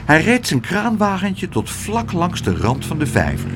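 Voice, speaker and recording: Expressive man reading a children's story. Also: high-pitched, a little slow, over music. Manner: animated, expressive.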